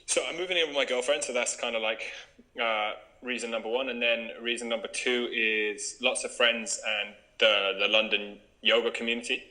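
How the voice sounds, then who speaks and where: A man's voice: medium pitch, steady tone, moderate pace, bright, forceful tone, low-quality recording. A young man from Wales, a yoga teacher chatting casually in an interview, upbeat and laughing often.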